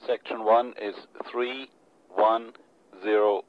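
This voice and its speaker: A man's voice: lowish voice, fairly even intonation, slow, no echo. A man relaying message traffic over two-way radio with static, in formal procedure and clipped phrases, reading numbers digit by digit. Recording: muffled, noisy radio with static.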